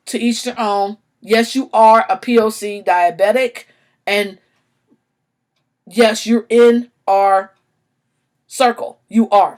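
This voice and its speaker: A woman vlogging to her viewers in a casual, impassioned, rambling way, unwell and stuttering at times, with restarts and apologies. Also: mid-range voice. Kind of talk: casual direct-to-camera vlog.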